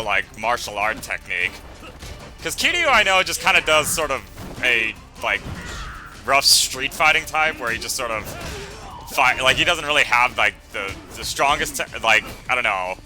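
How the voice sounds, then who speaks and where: A man commentates on a video game in a casual, rambling way. His voice is very bright and forceful, with lively swings in pitch. He stammers and restarts phrases often, over faint background music. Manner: halting, stammering, repeats and rephrases words. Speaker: gamer doing a let's play.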